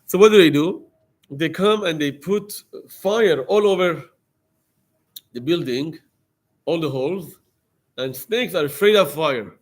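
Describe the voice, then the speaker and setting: A man teaching a class, slightly high for a man, with a gravelly, creaky texture. He tells a story in an animated way, rising and falling as he acts out what each person said. His talk is full of fillers and restarts. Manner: animated storyteller, acting out quoted lines, many fillers and restarts. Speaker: rabbi teaching a weekly class. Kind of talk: storytelling lecture.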